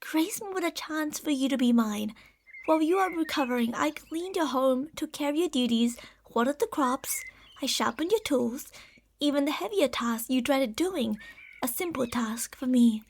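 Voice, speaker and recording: A woman voices a devoted, pleading lamia beast-woman with an obsessive streak, using lively intonation at normal speed. Her high, soft voice and formal, soothing words dip into whispers in an intimate ASMR roleplay, though she is possessive and deceitful under the tenderness.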